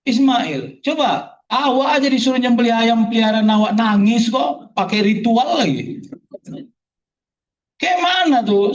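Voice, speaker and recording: A man preaching a sermon to a gathering, joking and firing rhetorical questions at the audience. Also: very high-pitched. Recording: distant, dull hall recording.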